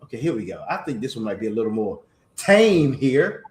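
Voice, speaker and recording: A man hosting a casual chat, animated and playful, reading greeting-card lines aloud, with a slight cough. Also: medium pitch, brisk, reverberant, slight background noise. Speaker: podcast host.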